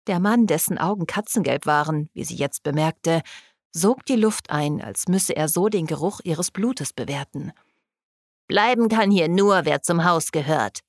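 Woman narrating a story in a low voice. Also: no room sound, studio quality. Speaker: audiobook narrator. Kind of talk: scripted narration.

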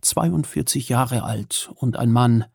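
Gravelly man reading a wry story. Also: mid-range voice, a little mellow, dry recording, clean studio sound. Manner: measured, wry storytelling with occasional hesitations. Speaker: audiobook narrator. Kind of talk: first-person story narration.

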